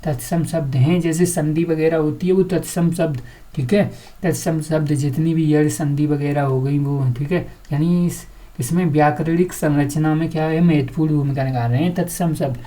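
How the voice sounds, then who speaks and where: Low, mellow-voiced woman drilling grammar. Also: steady tone, moderate pace. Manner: drills students with repeated questions and answers. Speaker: teacher. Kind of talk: exam-prep grammar lesson.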